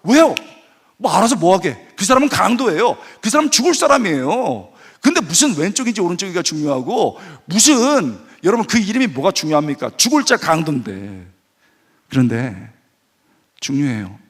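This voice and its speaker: An animated male pastor with a high, slightly breathy voice delivers a lively sermon full of acted-out anecdotes in a church sanctuary. He performs the quoted voices and puts questions to the congregation.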